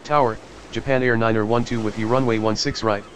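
A man doing an airline pilot calling in over a radio channel, low-pitched and matter-of-fact. Each readback comes out short and even. Steady hiss and noise sit under the transmission. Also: brisk. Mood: routine. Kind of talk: air traffic radio calls in a game.

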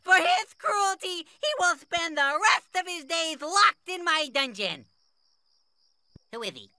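A man's voice: sits high, lively intonation, slow, heavily acted. A man voicing a childish, selfish cucumber king in a cartoon musical story, dramatic and goofy. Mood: indignant. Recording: loud music behind the voice. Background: loud children's music.

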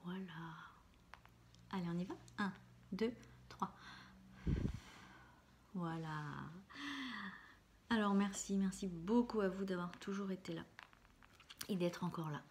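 A woman hosting an ASMR channel, chatting casually and hesitantly in a soft, breathy whisper. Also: medium pitch, takes it slowly, pauses often. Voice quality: breathy whisper, mostly unvoiced. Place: small room at home, indoors. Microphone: camera close in front, no external microphone. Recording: faint hiss and clicks, no studio microphone.

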